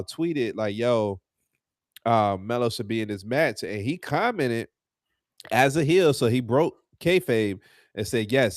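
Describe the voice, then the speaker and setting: A man's voice: mid-range voice, dry recording, clean studio sound. A man co-hosting a wrestling podcast, talking casually and animatedly, full of slang and fillers, getting heated as he rants. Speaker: podcast co-host.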